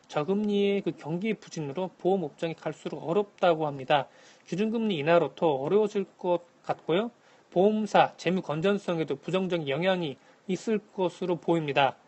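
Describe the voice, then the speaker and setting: A man calling in to a radio show as a correspondent, giving a formal, scripted economic briefing in a measured manner. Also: high voice, darkish tone. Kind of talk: scripted news briefing, answering by phone. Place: phone link to a radio programme.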